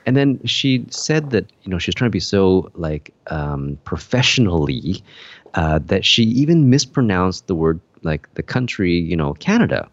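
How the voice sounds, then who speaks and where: A man's voice: deep voice, very animated, moderate pace, no room sound, dull audio. A man co-hosting a podcast in casual chat, rambling with many fillers and restarts. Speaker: podcast co-host.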